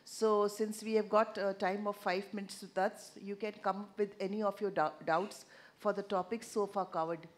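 A woman's voice: mid-range voice, little pitch movement, moderate pace. A middle-aged woman with an Indian accent moderating a conference session from a stage table microphone. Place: large auditorium, on stage. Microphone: table gooseneck microphone.

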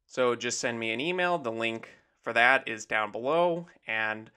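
A man's voice: mid-range voice, measured pace, sharp tone, clear, resonant tone. A man, a math teacher and tutor, casually walks through his website, explaining things in an easygoing way and often saying "basically" and "essentially". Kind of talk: casual screen-share walkthrough.

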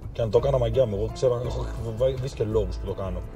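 A man's voice: mid-range voice, recorded from a distance, music in the background. A man on a reality show, venting to housemates in a frustrated, emphatic way. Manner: frustrated, emphatic, says "ρε φίλε".

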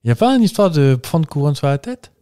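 A man co-hosting a casual podcast, guessing quiz answers with quick, jokey remarks and follow-up questions. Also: on the high side, big pitch swings, dark tone, clean tone. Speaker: podcast co-host.

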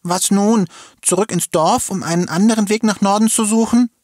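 A man doing a frightened teenage girl, high and urgent. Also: moderate pace, darkish tone, dry recording, clean studio sound. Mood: anxious. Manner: urgent, raised voice. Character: young teenage girl, frightened but determined.

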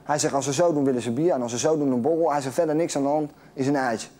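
A man's voice: medium pitch, mellow. A man telling a long joke about a café owner, laughing as he goes. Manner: rapid, laughing while telling. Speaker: joke teller.

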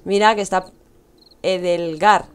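A woman's voice: on the low side, steady tone, a little slow, clean tone. Chatty Spanish woman streaming a game. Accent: Spain Spanish. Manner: chatty, teasing, addresses chat, laughs often. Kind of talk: casual gameplay commentary.

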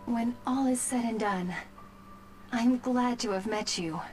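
An actress voicing a gentle, formal robot companion whose battery is running out and who is shutting down, in a video game. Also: female voice, a little high, unhurried, a little hiss or hum, lightly acted. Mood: tender farewell. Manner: formal, courteous machine speech. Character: dying female robot companion, polite, gentle.

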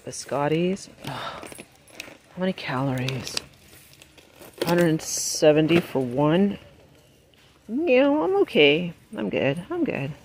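A woman filming a casual shop-with-me vlog in a large warehouse store. She chats as she goes, reads prices aloud and drops quick excited exclamations. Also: sits low, a little hiss or hum. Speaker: shopping vlogger. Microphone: handheld phone camera while shopping.

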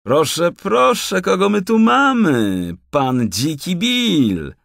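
A man's voice: high voice, big pitch swings, slow pace, creaky, a bit bright, no echo, studio quality, pitched above the performer's own voice, heavily acted. Man voicing a teasing, bluffing forester. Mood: mocking. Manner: mocking, bluffing. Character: shrewd teasing male forester. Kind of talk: audiobook character voice.

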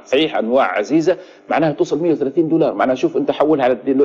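Male Libyan preacher, conversational lesson delivery, rapid-fire with a raspy edge. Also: mid-range voice, a little mellow. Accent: Libyan Arabic. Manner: conversational preaching with rhetorical questions. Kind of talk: religious lesson. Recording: dull lo-fi recording.

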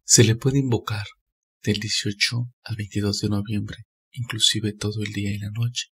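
A man calmly reading a scripted spiritual narration in a measured, steady way. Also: on the low side, slightly rough.

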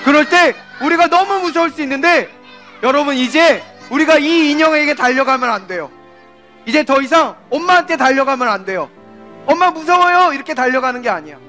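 Bright, high-voiced woman preaching to children. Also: a little fast, faint music behind. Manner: animated, questions the children and acts out scenes. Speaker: children's pastor. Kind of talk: children's sermon with storytelling.

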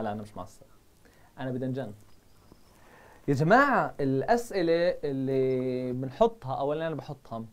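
A man with a Jordanian Arabic accent teaching a live online math review, firing quick questions at his students. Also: a little high, a little mellow.

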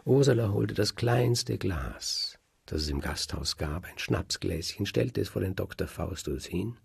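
A man telling old legends aloud in a lively, emphatic way, swinging between loud and hushed. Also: low voice, a little slow, creaky, slightly rough, no echo. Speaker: storyteller. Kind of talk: oral storytelling of legends. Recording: dry close recording.

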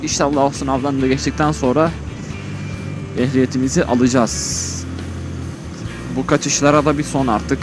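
A man's voice: medium pitch, level tone, normal speed, long pauses. A man talks from inside a motorcycle helmet as he rides, rambling colloquially and thinking aloud in a casual vlog style. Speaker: motovlogger. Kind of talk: casual vlog commentary while riding. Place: outdoors on a motorcycle on an open road. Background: music, vehicle on the road.

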